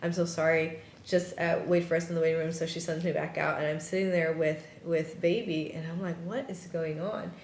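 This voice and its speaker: A woman's voice: little pitch movement, a little fast, few pauses, a little mellow. A woman telling a personal story in conversation, animatedly acting out the quoted dialogue. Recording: roomy echo with faint rumble.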